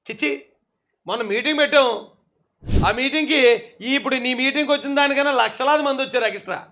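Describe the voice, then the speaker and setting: A man's voice: extremely high pitch, fast, pushed and bright. A man giving mocking political commentary, sarcastic and scolding, often laughing at what he describes.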